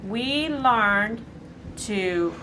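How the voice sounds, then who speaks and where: A woman's voice: fairly high pitch, animated, extremely slow. A woman primary school teacher in a classroom discussion, encouraging children and checking back with questions. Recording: faint classroom background noise. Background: room ambience and young children.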